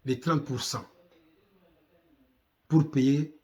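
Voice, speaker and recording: A man's voice: mid-range voice, fairly even intonation, extremely slow, warm tone. A man from Congo with a Congolese French accent, giving impassioned commentary full of rhetorical questions and repetition. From Democratic Republic of the Congo. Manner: exhorting, rhetorical questions, repeats himself.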